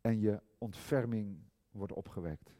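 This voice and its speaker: A middle-aged male preacher giving a sermon, swinging from loud emphasis to hushed tenderness and drawing out key words slowly. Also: fairly low pitch, no room sound. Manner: slow, drawn-out stress on key words.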